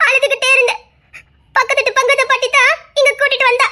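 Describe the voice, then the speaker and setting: A woman's voice: very high-pitched, level tone, fast, sharp tone. Woman playing a tearful jilted young woman. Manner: pleading, reproachful, laughing through tears. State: crying. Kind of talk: screen drama acting.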